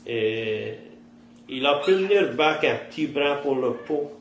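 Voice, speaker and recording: A man's voice: medium pitch, animated, a little slow. A man in his fifties with a Cajun French accent, plain-spoken in rural vernacular, recounting his life in an interview. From southern Louisiana, United States. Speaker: interviewee, trapper and fisherman. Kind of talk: oral-history interview, recounting past life. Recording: roomy echo, faint background noise.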